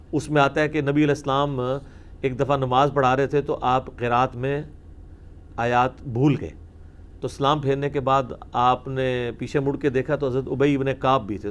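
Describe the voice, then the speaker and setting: A man with a Pakistani Urdu accent, a scholar answering questions in a religious lecture recorded in a studio, explaining points emphatically with wry asides and English words mixed in. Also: mid-range voice.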